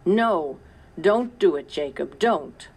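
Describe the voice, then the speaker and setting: A woman playing a gentle homesick farm wife. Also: on the low side, animated, slow, creaky, breathy edge, exaggerated voice. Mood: pleading. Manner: pleading, emotional.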